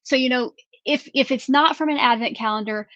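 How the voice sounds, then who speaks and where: A woman's voice: high voice, brisk, a bit bright, no echo, dull audio. A woman hosting a craft live stream in casual chat. She reads out viewer names and questions in an upbeat way.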